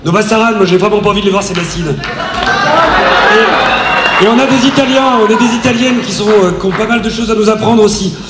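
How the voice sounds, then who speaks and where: High-voiced hesitant male moderator in echoey room. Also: brisk, a loud crowd. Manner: hesitant, muddled, searching for words. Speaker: moderator introducing speakers. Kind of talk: informal spoken introduction. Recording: echoey room with clear background noise.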